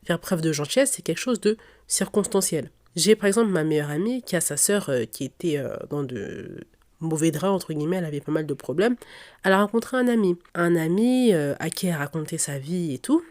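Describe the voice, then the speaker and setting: A woman's voice: lowish voice, lively intonation, fairly quick, darkish tone. A young woman hosting a podcast with a blocked nose and a cold, giving direct, informal advice straight to the listener. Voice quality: congested, blocked-nose nasal voice. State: sick with a cold and sore throat. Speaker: podcast host. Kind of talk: casual advice monologue to listeners. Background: faint background music.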